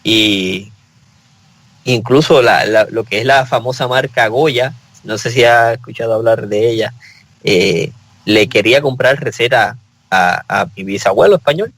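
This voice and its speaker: A man's voice: medium pitch, measured pace, a bit bright, no room sound, poor audio. A man with a Puerto Rican accent, speaking as a guest in a casual panel discussion and telling personal stories earnestly. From Puerto Rico.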